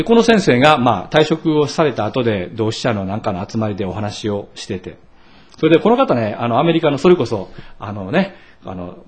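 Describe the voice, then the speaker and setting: A middle-aged Japanese man preaching a sermon as pastor, telling stories with asides and asking the congregation questions. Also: mid-range voice. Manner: animated storytelling with asides and rhetorical questions.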